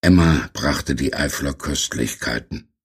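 A man reading a novel aloud with calm, measured storytelling. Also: a bass voice, breathy edge. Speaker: narrator. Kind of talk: audiobook narration.

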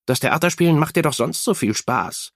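A man's voice: a little high, expressive, fairly quick, dry recording, studio quality, pitched above the performer's own voice. A man reading aloud, voicing a concerned adult woman who keeps probing a teenager with questions. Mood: coaxing.

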